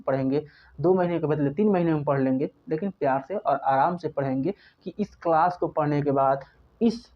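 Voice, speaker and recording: A man teaching an English class. He talks patiently, repeating each point and asking and answering his own questions. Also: on the high side. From India. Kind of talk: spoken classroom lesson. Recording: dull lo-fi recording.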